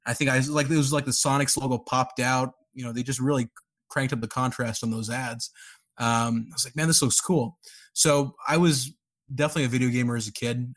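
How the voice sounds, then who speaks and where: A man's voice: mid-range voice, fairly bright tone. A man in his thirties from Texas and Pakistan, a journalist telling his story as a podcast guest in an easygoing, expansive way. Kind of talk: interview storytelling.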